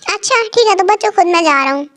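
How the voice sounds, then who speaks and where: A woman's voice: very high voice, expressive, fairly quick, a bit bright. A woman voicing a possessive young male mafia boss, talking in a blunt, commanding way.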